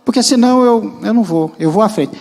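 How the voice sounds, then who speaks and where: A man's voice: high voice, fast talker, creaky, darkish tone. A man with a Brazilian accent voicing Moses insistently pleading with God during a sermon. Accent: Brazilian Portuguese. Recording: long church-hall reverb.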